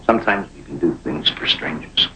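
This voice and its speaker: A calm, deep-voiced mentor. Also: male voice, a little fast, noisy background. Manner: low, steady, coaxing. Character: calm, stern middle-aged male mentor. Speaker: film character mentoring a young woman.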